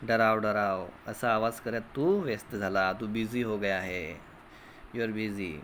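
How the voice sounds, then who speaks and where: Guy teaching kids, chants poem lines, slow, faint noise behind. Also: fairly low pitch, a bit bright. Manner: explains line by line in three languages. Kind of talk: online class lesson.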